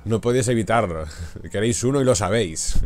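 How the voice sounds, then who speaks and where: A man's voice: fairly low pitch, fast, noisy background. A man giving casual, joking let's play commentary. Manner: casual, joking, reads game prompts aloud. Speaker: gamer.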